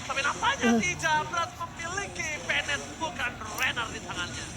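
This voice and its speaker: An Indonesian man shoutcasting an esports match like a fighting game announcer, hyped and exclamatory, repeating phrases. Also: very high-pitched, expressive, moderate pace, loud music behind the voice. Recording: loud crowd and noisy venue behind.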